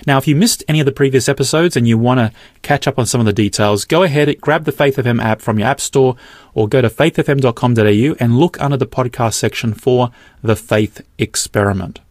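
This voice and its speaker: A middle-aged man reads his podcast narration in a measured, earnest way. His voice sits at an ordinary pitch. It is recorded dry and close, with no room sound. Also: darkish tone, dry recording. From Australia. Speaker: podcast host. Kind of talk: scripted narration.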